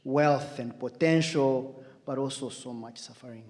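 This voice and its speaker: A man from Uganda speaks slowly and haltingly and often stops to search for the right words. His voice carries the long reverb of a large hall. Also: mid-range voice, darkish tone. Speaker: audience member at a workshop. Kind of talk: hesitant personal sharing.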